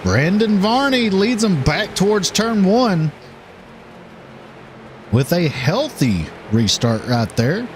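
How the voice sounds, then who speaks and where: A man doing live play-by-play race commentary, his pitch sitting a little high and swinging widely as he calls the action. He talks over a faint hum of background noise. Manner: lively, animated calling with filler pauses.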